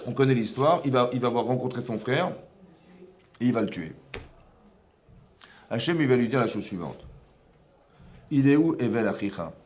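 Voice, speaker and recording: A man teaching a religious class, animated, asking many rhetorical questions. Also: medium pitch, normal speed, long pauses. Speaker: rabbi teaching a women's class. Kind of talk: religious lecture.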